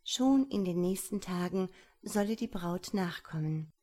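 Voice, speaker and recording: A woman calmly reading a fairy tale aloud as narrator. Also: lowish voice. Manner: calm, unhurried storytelling.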